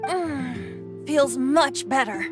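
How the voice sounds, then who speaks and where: In a heavily acted performance, a woman with a high voice and lively intonation speaks very slowly as a playful, secretive young male bard in a game cutscene. Her delivery starts lilting and teasing, then turns soft and solemn, setting a solemn mood over the game's soundtrack.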